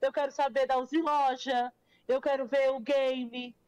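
Sassy prim young woman, huffy and dismissive, high voice, muffled lo-fi tone, voiced by a man. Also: flat delivery, darkish tone, clean tone. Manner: huffy, dismissive, quick retorts.

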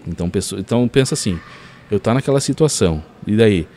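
A man's voice: fairly low pitch, fast talker, slight background noise. A man telling a story as a podcast guest, full of fillers like "cara". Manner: animated storyteller, many fillers like "cara" and "assim, ó".

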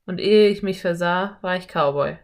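Hearty laid-back cowboy guy, a lady doing the voice, lowish voice, storybook. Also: normal speed, natural voice. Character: friendly drawling male cowboy. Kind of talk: audiobook character voice.

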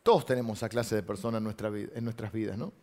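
A man's voice: on the low side, steady tone, very fast, warm tone. A middle-aged man, a pastor giving a conversational sermon, reading scripture aloud and making asides to the congregation.

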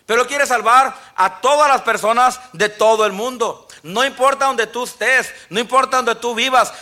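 Male pastor, church sermon, bright and high, many amens to the congregation. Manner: preaching with frequent "amén, hermanos" and quoted scripture. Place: church sanctuary.

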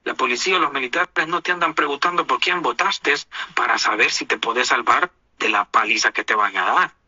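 A man's voice: mid-range voice, a little fast, sharp tone, dry recording, highs cut off. A man from Honduras with a Honduran Spanish accent, delivering an indignant, preachy opinion monologue as a commentator.

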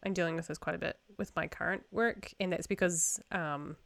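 Young female co-host from New Zealand, crisp clean voice, dry close sound, casual conversational storytelling. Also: fairly low pitch, fairly even intonation, brisk, fairly bright tone, no echo. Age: young adult. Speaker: podcast co-host.

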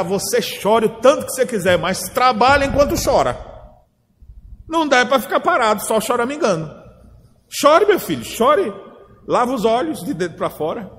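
Male preacher, storytelling sermon, high pitch, long hall reverb. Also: fairly bright tone, a little hiss or hum. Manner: storytelling, acts out voices, rising to emphatic exhortation. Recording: long reverb of a large hall, faint ambience.

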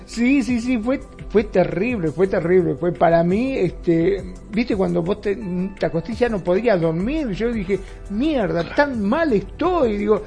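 A man's voice: sits high, measured pace, vocal fry, few pauses, faint music behind. A man with a Rioplatense accent, a guest telling a personal story in a chatty way full of fillers. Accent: Rioplatense Spanish. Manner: chatty, many fillers, animated when recounting.

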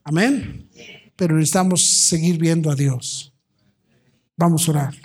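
A man preaching a sermon in a church as pastor, passionate, repeating his questions and rising to shouts. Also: on the high side, unhurried. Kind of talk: sermon with altar call.

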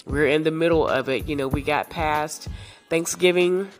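A woman's voice: sits low, normal speed, faint music behind. A woman hosting a podcast, her voice congested from sinus trouble, giving reassuring words in a casual monologue full of fillers. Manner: warm, reassuring, many fillers. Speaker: podcast host.

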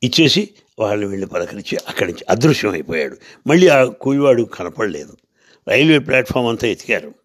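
A man's voice: on the low side, very animated, fast. Man telling a devotional story. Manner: asks rhetorical questions and answers them.

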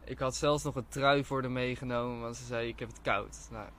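A young man tells an awkward dating story in casual, loose talk, swearing offhandedly. His voice sits at an ordinary middle pitch. There is a faint hiss of noise behind him. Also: steady tone, fairly quick, a bit bright. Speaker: podcast guest. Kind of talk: casual chat.

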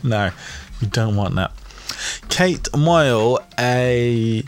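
A man hosts a comedic podcast in a cheeky, gossipy tone. His pitch sits in an ordinary middle range. He chuckles at his own jokes as he goes. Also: animated, very slow, clear, resonant tone. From England. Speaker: podcast host. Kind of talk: casual comedic commentary.

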